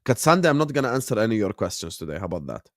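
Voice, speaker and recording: Very fast and sing-song, his voice sits on the low side, recorded at studio quality with no echo. He's a Gulf man in his late twenties hosting a football watchalong live stream, laid-back and slangy as he reacts to the match and reads chat. He chuckles often and speaks to viewers directly.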